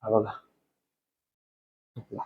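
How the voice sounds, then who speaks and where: A man's voice: slow, phone-quality sound. A man in his thirties, a father talking casually to his vlog camera at home at night. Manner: coaxing, soothing talk to a child. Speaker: vlogger, father.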